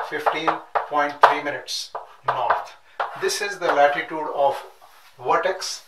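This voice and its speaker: In a classroom, a middle-aged man with a slightly high voice teaches nautical science at the chalkboard, methodically working through calculations and repeating numbers slowly as he writes. Captured far from a room mic, often facing away, the sound is echoey and off-mic with clear noise.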